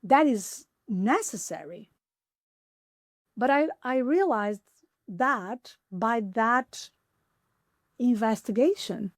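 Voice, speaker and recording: A woman in her forties, a podcast guest, talking enthusiastically in a conversational interview, her voice climbing higher whenever she gets excited. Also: slow pace, long pauses, dry recording, studio quality. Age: 40s. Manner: enthusiastic, pitch jumps up when excited; animated, acts out her own inner questions. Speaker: podcast guest, applied philosopher.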